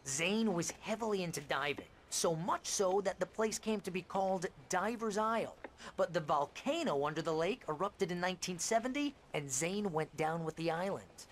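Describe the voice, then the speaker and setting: A man voicing a chatty, excitable agent and loyal best friend in a video game, talking in an eager, colloquial way. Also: high-pitched, normal speed, slight background noise. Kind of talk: video game dialogue acting.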